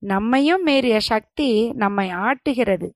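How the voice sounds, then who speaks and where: A woman voicing a frail old male hermit who speaks in a soft, feeble, dreamy voice in a told story. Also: on the high side, expressive, slow pace, dry recording, studio quality. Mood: solemn.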